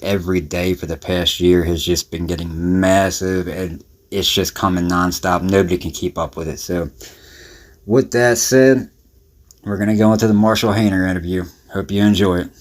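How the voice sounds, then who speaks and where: A man's voice: deep voice, fairly even intonation, moderate pace. A man hosting a video, giving casual commentary in an informal, rambling, speculative way. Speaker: video host.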